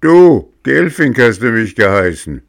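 A man's voice: low-pitched, sing-song, heavily acted. A man voicing a hot-tempered old male woodcarver in a storybook reading. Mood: indignant. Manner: quick-tempered, huffy.

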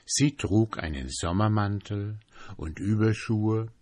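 Slow, low-voiced male storyteller. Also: a little mellow. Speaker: narrator. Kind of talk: storybook reading.

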